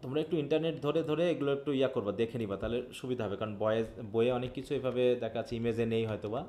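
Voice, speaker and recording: A man's voice: mid-range voice, warm tone. A male teacher whose first language is Bengali, leading a live phonetics lesson, explaining step by step and checking in with his students. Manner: reads English text aloud slowly. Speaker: English teacher. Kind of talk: live online class lecture.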